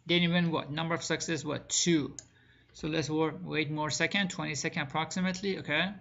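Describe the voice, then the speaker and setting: On the high side and creaky, this networking instructor's voice has a fairly bright tone and fairly even intonation, and he talks briskly. He teaches a screen-recorded lesson, asking questions and answering them himself in plain speech with small non-native grammar slips. The sound is lo-fi.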